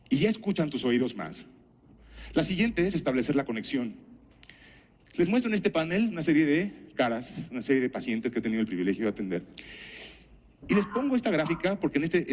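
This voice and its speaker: A man's voice: a little high, a little mellow. A man giving a conference talk, telling anecdotes and putting rhetorical questions to the audience. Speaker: speaker at a conference.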